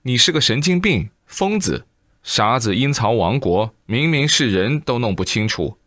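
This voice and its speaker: A man playing a cranky temple bystander, high and snappish, close dry sound. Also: sing-song, normal speed, no echo. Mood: irritated. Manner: scolding, sharp. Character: irritated male bystander at a temple gate.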